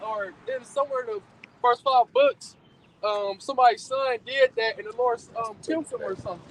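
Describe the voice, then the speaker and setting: A man's voice: very high voice, wildly swooping pitch, brisk, rough recording. A man in a group Bible discussion, talking emphatically and loosely, with frequent hesitations. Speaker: study group member. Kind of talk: casual scripture discussion.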